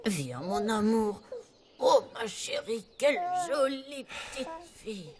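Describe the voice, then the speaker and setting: A female dub actor playing a gentle, doting older grandmother in a telenovela. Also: a little high, very animated, slow pace. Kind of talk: dubbed telenovela acting.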